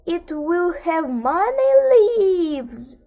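A woman voicing a pair of sly, scheming animal swindlers in a slow, rhymed storybook reading. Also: very high-pitched, sing-song, gravelly, highs cut off, full character voice. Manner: wheedling, conspiratorial.

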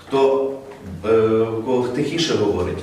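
A man's voice: medium pitch, animated, normal speed, mellow. Man teaching narration in an echoey room. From Ukraine. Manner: explaining, demonstrating readings, light laughs. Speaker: acting teacher leading a master class. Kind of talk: coaching audiobook narration. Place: improvised studio in a room. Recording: very echoey room, distant mic, faint noise.

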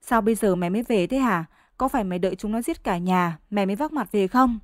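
A woman's voice: mid-range voice, lively intonation, fast, dry recording, clean studio sound, natural voice. A woman doing a whiny, blustering peasant husband.

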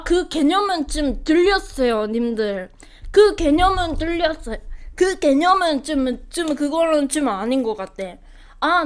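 A young woman with a Japanese accent and a stuffy nose, chatting playfully with her live-stream viewers and answering their comments. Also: on the high side.

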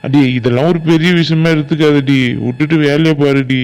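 A man voicing a calm, fatherly village husband in a cartoon, firm and calming with his wife. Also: on the high side, brisk, clean tone, close to an everyday voice. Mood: soothing. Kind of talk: Tamil cartoon voice acting.

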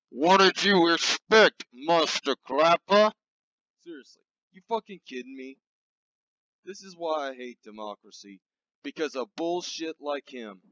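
A man rants through a profane comedy monologue, mocking and repetitive. He talks slowly with a fairly high voice. The recording is dull and dry, with faint music behind him. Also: pushed and bright, dry recording. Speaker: host of a satirical show.

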